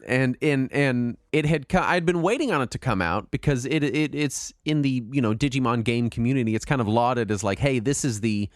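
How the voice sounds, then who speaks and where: A man hosting a podcast in casual, jokey, self-deprecating chat, his throat raspy from a cold. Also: mid-range voice, brisk, few pauses, no echo, clean studio sound. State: sick with a mild throat cold and cough. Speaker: podcast host.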